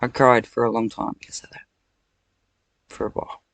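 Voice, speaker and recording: A woman giving a rambling spiritual monologue and prayer, slow and deliberate, breaking into sudden loud curses. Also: a bass voice, little pitch movement, gravelly, no room sound. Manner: guides slow breathing while chanting names. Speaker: spiritual video maker.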